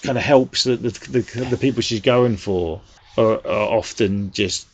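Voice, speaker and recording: A man's voice: on the low side, measured pace, a little mellow, slightly rough. A man hosting a podcast in casual chat, rambling with lots of fillers. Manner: rambling, fillers like "you know" and "um". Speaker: podcast host.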